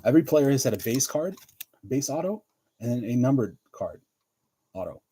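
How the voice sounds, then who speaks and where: A man's voice: medium pitch, big pitch swings, moderate pace, warm tone, husky. A man hosting a live card break, chatting casually, calling out players and laughing often. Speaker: card breaker livestream host.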